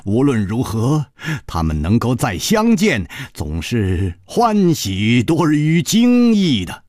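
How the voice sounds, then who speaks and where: A man's voice: medium pitch, wildly swooping pitch, slow, darkish tone, no echo. A man narrating a serialized novel with a dramatic storytelling cadence. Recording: dry close radio reading.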